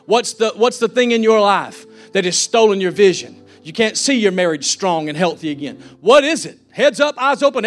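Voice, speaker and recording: Fervent high-voiced preacher. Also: male voice. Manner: fervent, preachy, acts out quotes. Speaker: pastor. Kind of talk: sermon.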